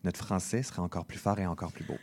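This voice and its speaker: A man talking on the radio in a reflective, measured way. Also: low-pitched, darkish tone. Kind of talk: casual radio talk.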